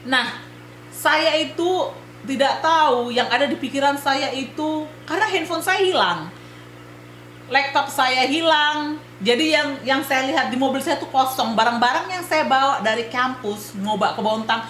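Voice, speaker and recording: A woman from Indonesia tells her story in an animated, casual vlog, with a high voice and frequent asides to her viewers. The room is echoey, with a faint hum underneath. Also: moderate pace. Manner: animated, retells events while addressing viewers as friends. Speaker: vlogger.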